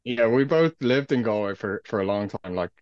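A man's voice: lowish voice, lively intonation, moderate pace, a little mellow, dry recording, highs cut off. A man with a west of Ireland accent chatting casually and in an easygoing, jokey way as a musician guest on a podcast. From County Clare, west of Ireland. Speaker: guest, guitarist and vocalist in a metal band. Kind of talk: casual podcast interview chat.

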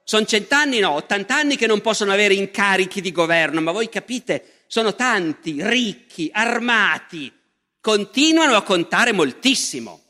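A man gives a public history lecture in an animated, conversational manner and often speaks straight to the audience. His voice sits high and bright. A long reverb from a large lecture hall follows his words. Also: normal speed.

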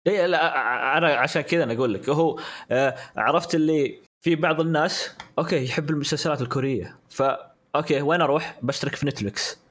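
A man co-hosting a casual podcast, talking in quick bursts with lots of fillers and restarts. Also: on the high side, fairly bright tone. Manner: rapid, hesitant with many fillers and restarts. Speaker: podcast co-host.

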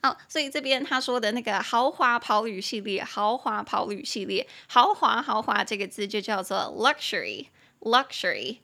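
Explaining vocabulary and slowly spelling words aloud, a young woman hosts a casual English lesson podcast in a lively, self-amused way. Her voice is on the high side with some vocal fry.

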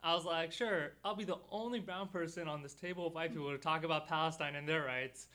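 A man's voice: on the high side, fast. A young man hosting a podcast from a studio, chatting casually and telling stories with lots of fillers. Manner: relaxed storytelling with many fillers. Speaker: podcast host.

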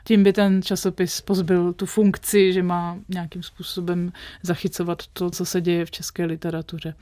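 A woman, a literary critic speaking as an interview guest, thoughtful and measured, often pausing to find her words. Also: lowish voice, level tone, warm tone, no echo. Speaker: literary critic and magazine editor.

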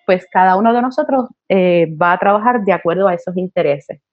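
A woman, a counselor talking as a podcast guest, passionate and animated, with many fillers. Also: fairly low pitch, a little fast. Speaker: guest, college admissions counselor. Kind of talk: conversational podcast interview. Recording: slightly dull podcast audio.

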